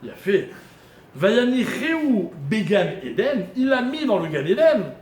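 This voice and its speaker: A rabbi leads a live Torah class for a small audience in a room, walking through Hebrew grammar step by step and quizzing those present. His voice sits high, somewhat slow and darkish, with wide pitch swings, and the recording is echoey with faint noise.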